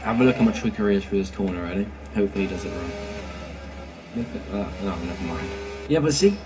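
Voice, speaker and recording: A man co-commentating on a race with short, casual remarks of analysis on a quieter, distant-sounding mic. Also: low-pitched, quick pace.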